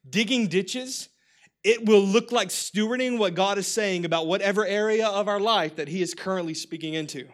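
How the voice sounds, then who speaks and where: A man preaching with lively energy and humor, drawing the congregation into call-and-response. His voice sits high and bright, with a slight hoarseness. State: voice getting hoarse. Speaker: pastor. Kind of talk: sermon.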